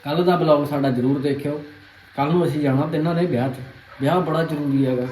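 Young male, Punjabi accent, mellow and a little high, animated casual vlog banter, faint background noise. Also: fast, roomy sound, low-quality recording. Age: young adult. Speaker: vlogger. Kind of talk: casual joking chat with friends.

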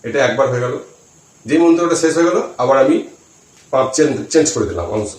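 A man with a Bengali accent teaches the practice of chanting at a slow, deliberate pace, counting aloud as he demonstrates on his fingers. His voice sits at an ordinary pitch. He sounds set back from the mic, in a room with a noticeable echo. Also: lively intonation. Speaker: spiritual teacher. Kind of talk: instructional talk to camera. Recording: roomy echo, voice from some distance.

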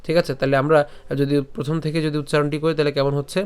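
Male recitation teacher, slightly high and very clear voice, patient, repeats syllables slowly for learners. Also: flat delivery. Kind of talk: pronunciation lesson with slow chanted recitation.

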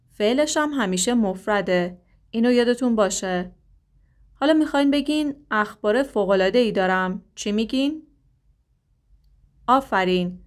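A young adult woman teaching a language lesson, explaining quickly and repeating model phrases slowly and carefully. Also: medium pitch. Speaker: English teacher.

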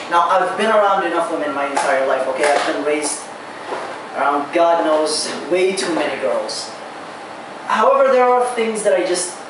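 Performing stand-up in a small bar, a young Saudi comedian with a high-sitting voice stumbles through restarts and long pauses. Although he speaks into a handheld mic, the audio is picked up by a camera across the room, so it sounds very roomy and distant, with constant background noise.

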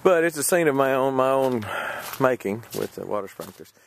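A man's voice: medium pitch, animated, moderate pace, gravelly, a little hiss or hum. A man from Texas giving a casual, rambling walkthrough of his garden outdoors, with lots of fillers and little chuckles. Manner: rambling, hesitant, many fillers, chuckles often. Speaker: vlogger. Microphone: handheld camera.

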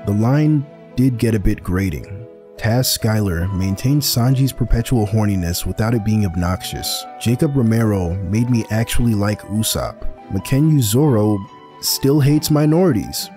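A man's voice: lowish voice, expressive, normal speed, mellow, soft background music. A young man narrating a scripted video essay in a dry, sarcastic way.

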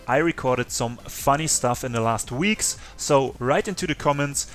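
A man's voice: mid-range voice, normal speed. Gamer man narrating. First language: German. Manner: chatty, talks straight to viewers. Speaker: gaming YouTuber narrating. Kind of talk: casual gameplay narration.

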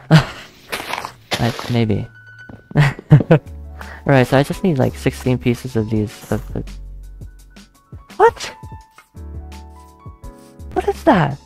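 Faint background music accompanies a young gaming channel host, not a native English speaker, doing let's play commentary at his desk. His mid-pitched, gravelly, creaky voice has a sing-song lilt. He goes slowly and hesitantly, thinking out loud, counting quietly, pausing a lot, laughing nervously and startling easily.

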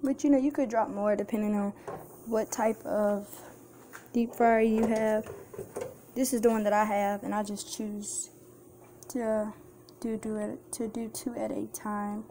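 A young cooking vlogger films a home cooking tutorial on a handheld phone in her kitchen, chatting to viewers as "y'all" and "guys." Her medium-pitched voice is mellow, flat and unhurried, with slight background noise.

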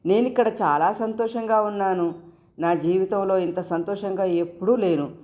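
A woman voicing a gentle, earnest young woman in a storybook reading, her pitch raised above her narrating voice. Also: moderate pace, natural voice.

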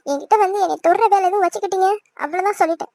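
Woman as scolding young cartoon wife, squeaky-high and fast. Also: warm tone, no room sound, studio quality. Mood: hurt angry. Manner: indignant, scolding. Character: hurt, angry young wife. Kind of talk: fan cartoon voice acting.

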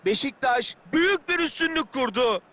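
A man doing excited, screaming play-by-play football commentary for a video game, as if calling every attack live. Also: extremely high pitch, normal speed, slight background noise. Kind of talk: match commentary.

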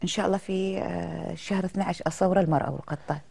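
Fast-talking husky woman. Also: on the low side. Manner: lively, animated storytelling with quoted dialogue. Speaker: actress guest. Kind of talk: casual TV interview.

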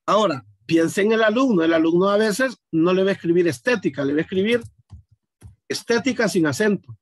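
High-voiced male teacher walking through a lesson. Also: fast, no room sound, clean studio sound. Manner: explains step by step, asks students questions. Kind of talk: online class demonstration.

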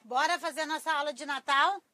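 Speaking a little fast into a lapel mic, a middle-aged Brazilian woman runs a casual live craft class from a small, cluttered workshop indoors. She's chatty and informal, frequently talking to viewers, and her voice is high, thin and reedy with a sharp, slightly cracked edge.

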